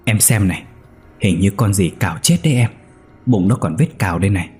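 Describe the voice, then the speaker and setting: A man voicing a tense rural husband who talks bluntly and gruffly. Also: on the low side, lively intonation, a little fast, faint music behind, close to an everyday voice. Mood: grim. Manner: blunt, shouting when alarmed.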